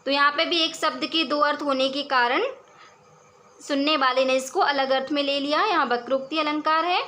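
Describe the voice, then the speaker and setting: A woman with a high, bright voice teaches a poetry lesson. She reads each verse slowly and then explains it patiently and steadily, in a clear, instructive manner.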